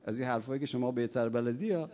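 Impassioned preacher man in a reverberant hall. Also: mid-range voice. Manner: swings from quiet storytelling to loud impassioned preaching; acts out dialogue in stories. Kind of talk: sermon with storytelling.

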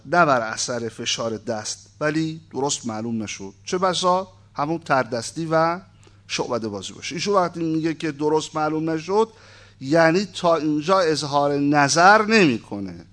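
His voice is expressive, fairly high and a bit bright as he gives an informal lecture. He alternates between reading a text aloud and stepping away for conversational remarks laced with wry humor.

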